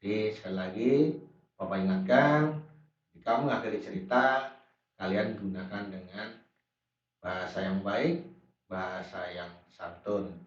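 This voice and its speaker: A man's voice: low voice, unhurried, pauses often. A man teaching a recorded school lesson, patiently explaining steps and answering the questions he imagines his pupils will ask. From Indonesia. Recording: roomy, distant, dull lo-fi screen recording.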